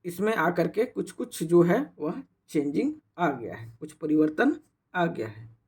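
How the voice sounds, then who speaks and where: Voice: medium pitch, big pitch swings, unhurried, a little mellow, husky. A teacher giving a grammar lesson, explaining step by step with frequent rhetorical questions and some restarts. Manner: explains step by step, often fills with rhetorical "what is it".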